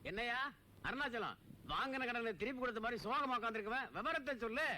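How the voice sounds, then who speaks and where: An actor playing a sly middle-aged village friend in comic film dialogue, with teasing, knowing banter. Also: male voice, very high-pitched, quick pace, sharp tone, slight background noise, exaggerated voice.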